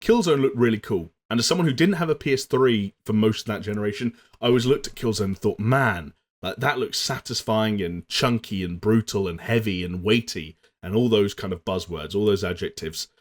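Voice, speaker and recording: A man's voice: on the low side, brisk, few pauses. A young adult man co-hosting a casual gaming chat, talking fluently and steering the conversation with easy segues. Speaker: podcast co-host.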